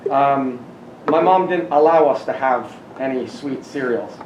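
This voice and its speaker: A man's voice: medium pitch, measured pace, a little mellow, muffled recording. A middle-aged man from Canada introduces himself at a workshop in an upbeat, chatty manner. His voice is heard from a distance, in a roomy space with a faint hum. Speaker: assistant professor. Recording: roomy echo, distant mic, faint noise.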